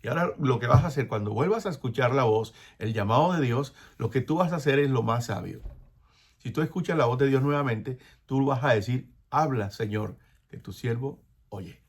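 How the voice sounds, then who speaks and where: Guy preaching, lively, goes quiet and prayerful sometimes, mid-pitch voice. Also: a little fast, slightly rough. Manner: acts out biblical dialogue with hushed prayerful asides; animated, laughs between phrases. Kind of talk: sermon.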